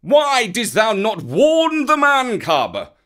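A man's voice: sits high, wildly swooping pitch, slow pace, fairly bright tone, voice pushed up, heavily acted. A man voicing a fierce male panther who scolds his friend in a stern, commanding way. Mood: roaring.

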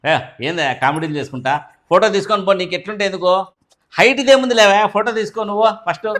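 A young man with a high voice barks quick, short-tempered scoldings in a comedy skit. His talk is rapid and gruff, full of impatient orders. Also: expressive, fairly bright tone, slight background noise. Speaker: comedy sketch actor playing a short husband.

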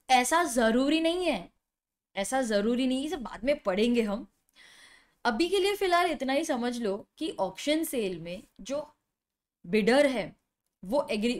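An Indian woman in her thirties teaches on camera, her voice sitting a little high. She talks in an animated way, putting on short back-and-forth scenes with her students as she explains. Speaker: commerce teacher. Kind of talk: video lecture. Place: indoor studio.

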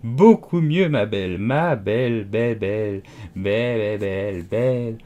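A man's voice: a little slow, dark tone, natural voice. A man voicing a fussy, scatterbrained old queen who wails and lectures in an audiobook. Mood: triumphant. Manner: shrill wailing cries, fretful and peremptory. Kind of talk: audiobook character voice.

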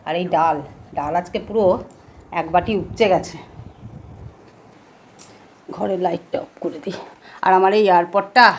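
Middle-aged woman, soft homely chatter, slight cold, mid-pitched voice, faint background noise. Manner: chatty, homely, speaks softly. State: has a cold. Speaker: vlogger. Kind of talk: casual home vlog chat. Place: at home indoors.

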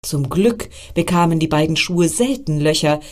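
Reading a children's bedtime story aloud, a woman with a low-sitting voice speaks straight to her young listeners, telling the tale expressively at a normal pace.

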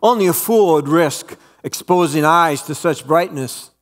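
High, shrill cave dwellers yelling in fear, a preacher acting them out. The cries climb well above his own speaking voice and come out loud and strained. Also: measured pace, close to an everyday voice. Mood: panicked. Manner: shrill, panicked crying out. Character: frightened shouting cave dwellers, men and women. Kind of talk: sermon storytelling.

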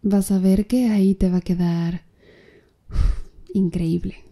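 Slow and flirtatious, this tattoo artist is played by a woman in an ASMR roleplay, using a dark, mellow, medium-pitched voice with a steady tone. Her soft, breathy teasing of the client carries easy confidence and little laughs.

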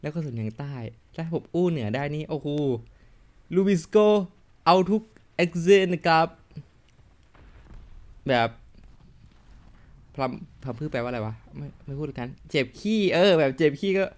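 A man's voice: on the high side, lively intonation, normal speed, pauses often. A man giving casual, joking commentary while playing a tank game, swearing freely and laughing at his own mistakes. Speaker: mobile tank game YouTuber. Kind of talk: live gameplay commentary.

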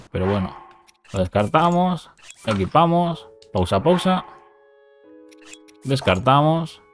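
Man narrating a game glitch. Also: medium pitch. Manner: talks through steps, repeats short commands. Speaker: gaming youtuber. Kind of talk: casual game tutorial commentary.

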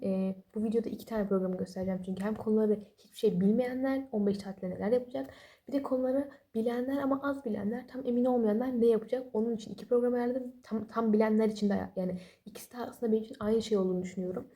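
Very fast speech, a slightly high pitch, fairly even intonation and a dark tone mark this young woman's voice. She's a study vlogger offering casual late-night tips at home with no proper microphone, sleepy, apologetic and rambling, with small jokes at her own expense.

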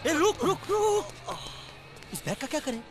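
An actor playing a naive, jumpy young theatre worker in a comedy film, eager and quick to protest. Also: male voice, high-pitched, very animated, background noise. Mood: excited.

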